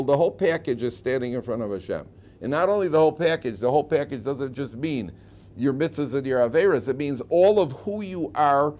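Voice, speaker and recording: Male rabbi, informal class, questioning and emphatic delivery, mid-pitched voice, repeated key phrases, noticeable background noise. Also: darkish tone. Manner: questioning, asks and answers his own questions. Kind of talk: informal Torah lesson to a small group. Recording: clearly noisy room recording.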